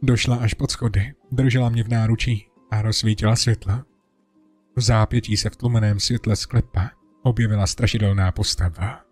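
Low-voiced man narrating a horror story. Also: soft background music. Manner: steady, dramatic first-person reading.

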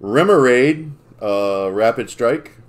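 A man chats casually while opening card packs on a live stream. His voice sits at an ordinary middle pitch. He sounds playfully confused and keeps stumbling over names. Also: expressive, slow. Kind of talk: casual chat.

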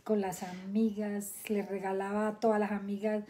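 A middle-aged woman with a warm, mellow voice recalls her family's past in a plain, unhurried way. She talks casually as a guest beside her daughter. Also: medium pitch, little pitch movement. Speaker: guest, host's mother. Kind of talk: casual conversation.

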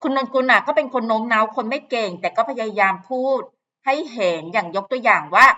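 A woman talks casually to her channel viewers in a chatty, gossipy way, full of fillers and side remarks. Her voice sits somewhat high and sounds bright and sharp. The recording is muffled and lo-fi. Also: fairly quick. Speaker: channel host. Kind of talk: casual commentary to camera.

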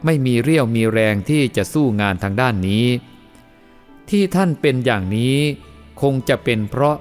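A man reading a first-person moral story aloud as the storyteller, in a steady, measured way. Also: medium pitch, soft background music.

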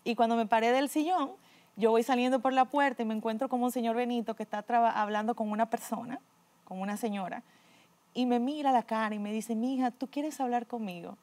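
A middle-aged woman, earnestly telling her personal faith testimony, often dropping to a quiet voice. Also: on the high side, steady tone, a little fast. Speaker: guest giving a testimony.

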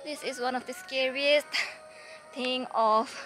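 Over faint music on a low-quality recording, a young woman narrates her hiking vlog slowly, her high voice steady and fairly bright. She's climbing a forest mountain trail, sweaty, tired and out of breath, chatting to the camera held close and encouraging herself.

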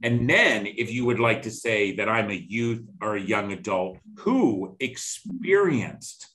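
A man's voice: fairly low pitch, animated, slow, fairly bright tone, rough recording. A middle-aged man hosting a podcast over a video call, emphatic and passionate, often repeating his key phrases. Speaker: podcast host. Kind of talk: casual interview.

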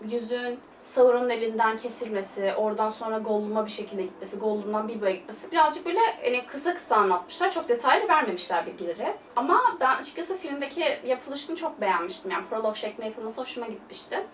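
A young woman talks through a casual film review, her voice a bit high and caught from some distance in an echoing room. She gushes freely and leans on loose fillers. A faint hiss sits under the recording. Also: animated, fast, hardly any pauses, fairly bright tone. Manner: gushing, chatty, loose filler-heavy talk. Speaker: film vlogger.

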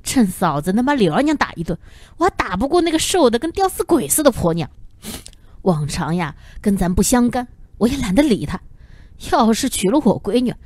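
A woman plays a fierce middle-aged peasant mother in a storybook reading, coarse and blustering. Her pitch swings widely between low growls and sharp highs, recorded dry and close. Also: sing-song, a little fast, no echo.

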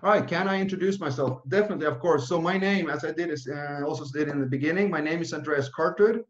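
Guy in his 30s from norway doing a webcam pitch, lots of uh and restarts, kinda roomy and muffled. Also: fast. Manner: casual, many fillers and restarts. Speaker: presenter. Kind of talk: online business presentation. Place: small room with whiteboard. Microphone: webcam video call. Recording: roomy, dull lo-fi webcam sound.

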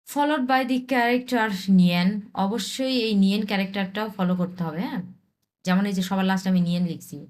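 This is a young woman from Bangladesh, teaching an online language class. She explains patiently and repeats each example, and she reads the English lines slowly. Her pitch sits at a middle height for a woman.

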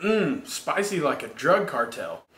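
Young guy cracking jokes in a kitchen sketch, animated slightly high voice, roomy echo. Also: unhurried. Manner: wisecracking. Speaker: sketch co-star. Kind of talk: goofy sketch comedy. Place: home kitchen. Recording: echoey kitchen with clicks and noise.

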